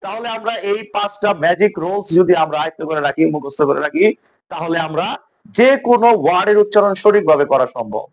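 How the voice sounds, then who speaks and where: High-voiced Bangladeshi male teacher. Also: lively intonation, fast talker, rough recording. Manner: explains rules with repeated examples and checks. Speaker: English teacher. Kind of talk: spoken English pronunciation lesson.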